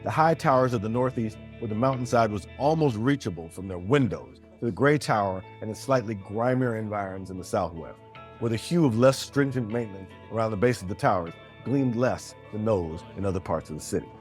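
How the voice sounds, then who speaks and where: A man narrating a fantasy story in a steady, descriptive way. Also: lowish voice, fairly quick, faint music behind.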